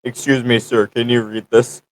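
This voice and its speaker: A man's voice: mid-range voice, flat delivery, moderate pace, slight background noise. A man chatting casually as a player in a tabletop role-playing game.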